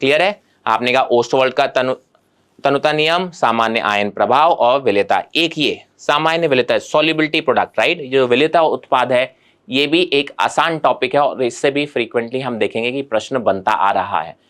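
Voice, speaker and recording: A man in an exam-preparation lesson, talking straight to his students and reassuring them. His voice sits at an ordinary middle pitch. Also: moderate pace, fairly bright tone, clear, resonant tone. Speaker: teacher.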